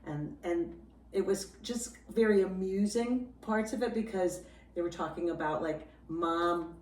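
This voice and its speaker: A woman's voice: fairly low pitch, a little slow, a little mellow. Distant woman recounting, roomy sound. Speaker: sister, vlog guest. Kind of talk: casual storytelling.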